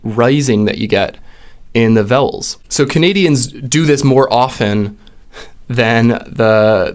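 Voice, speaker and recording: A man giving an explanatory lesson on speech sounds. He speaks deliberately and draws out example words and vowels to demonstrate them. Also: medium pitch. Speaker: linguistics video host.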